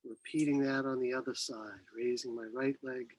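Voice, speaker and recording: A man teaching qi gong, giving serene, unhurried movement and breathing cues with long pauses. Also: medium pitch, flat delivery, low-quality recording. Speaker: qi gong instructor.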